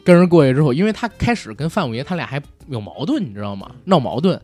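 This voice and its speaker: A man's voice: a little high, big pitch swings, fast talker, darkish tone, faint music behind. A man hosting a casual chat, animatedly retelling a TV drama scene and swearing casually. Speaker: podcast host.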